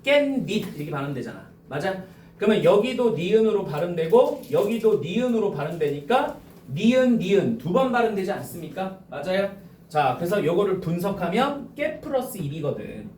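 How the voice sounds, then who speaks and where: A male high school teacher lecturing to a class, slowly dictating key points and often checking whether students follow. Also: very animated, a little mellow, echoey room, recorded from a distance, slight background noise.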